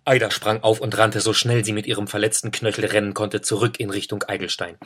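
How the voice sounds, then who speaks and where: A man reading a children's story aloud, expressive, with dramatic pauses and playful stammered repeats. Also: lowish voice, very noisy.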